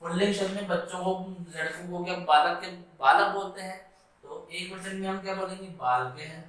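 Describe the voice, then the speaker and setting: A man's voice: high voice, a bit bright. A man teaching schoolchildren at a blackboard, patiently explaining, asking and answering his own questions, and drawing out each stressed word. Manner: drawn-out, stressed Sanskrit words. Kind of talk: classroom lesson at a blackboard. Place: classroom. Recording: echoey room, voice from a distance.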